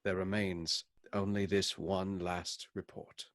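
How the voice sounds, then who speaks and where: A man plays a solemn doctor in a gothic radio play. His voice is low and formal, with measured phrasing and a dry, close sound. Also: level tone, no echo. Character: grave gentleman doctor giving testimony.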